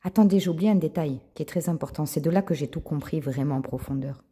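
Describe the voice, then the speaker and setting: Low husky woman giving a testimony. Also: fast. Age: adult with a child. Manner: animated, repeats words, addresses listeners as friends; retells dialogue in quoted voices. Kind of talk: spoken personal testimony to viewers.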